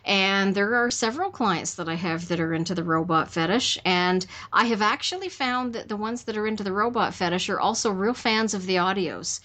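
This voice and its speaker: A woman's voice: mid-range voice, fairly quick, few pauses, a bit bright. Chatty woman host, candid storyteller. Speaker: podcast host. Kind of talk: casual chat.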